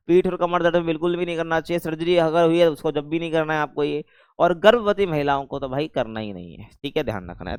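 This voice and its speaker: A man's voice: a little high, clear, resonant tone, dry recording. A man teaching a class in a casual, chatty way, often checking whether students follow. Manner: chatty, keeps checking understanding, calls students 'bhai'.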